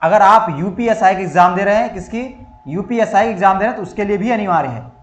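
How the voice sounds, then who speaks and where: Speaking high and quickly, a male lecturer prepares students for competitive exams in reasoning. His style is repetitive and emphatic, firing off his own questions and answering them in turn, with the room's echo audible.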